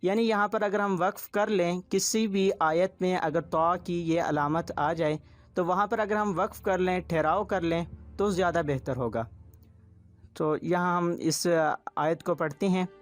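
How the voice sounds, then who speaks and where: A man's voice: high voice, measured pace, faint music behind. A man teaching Quran recitation rules step by step, patient and repetitive in his explaining.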